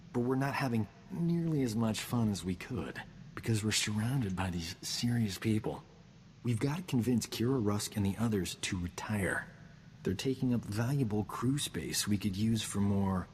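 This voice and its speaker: A man's voice: fairly low pitch, in a large hall, slight background noise, close to an everyday voice. An actor playing a boastful, roguish male doctor in a video game, talking in a cocky, flippant, self-important way. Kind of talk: video game character dialogue.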